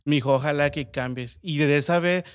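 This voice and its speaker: A man, a guest telling his personal testimony in an earnest, unhurried way. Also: on the high side, clean tone, dry recording, clean studio sound. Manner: earnest, unhurried, acts out quoted voices. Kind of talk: casual storytelling conversation.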